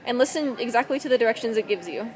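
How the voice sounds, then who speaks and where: Young woman, student presenter, instructional narration, slightly high pitch. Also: lively intonation, fast talker, crowd noise, low-quality recording. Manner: reads steadily with some fillers.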